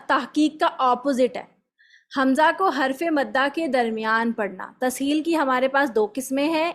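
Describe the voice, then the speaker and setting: A woman teaching a tajweed lesson. She explains the rules step by step, often checks with her students, and recites example words slowly to show them. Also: high voice.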